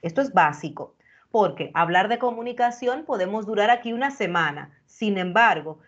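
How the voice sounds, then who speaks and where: A woman's voice: mid-range voice, dull audio. A woman speech coach giving direct, explanatory feedback to a participant in a live online workshop. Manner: explanatory, addresses listener directly, reassuring. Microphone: video call.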